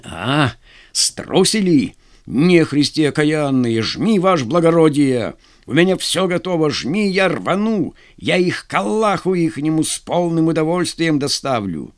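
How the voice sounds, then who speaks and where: A man voicing a rowdy, jubilant sailor who shouts boisterously in an audiobook. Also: on the high side, very animated, a little slow. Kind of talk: audiobook character voice.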